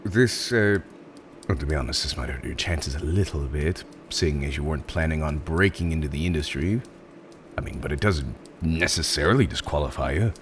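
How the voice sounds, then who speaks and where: In a roleplay audio drama, a man plays a theatrical supervillain interviewer who is polite but exasperated, hesitant and mock-professional, and quick to chuckle. His voice rumbles low at a moderate pace, with a little hiss or hum in the recording. The mood is amused yet businesslike.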